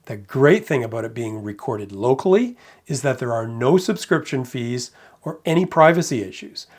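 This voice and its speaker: Guy narrating a tech review, calm scripted delivery, medium pitch, little wry asides here and there. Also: normal speed, slightly rough. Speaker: product reviewer.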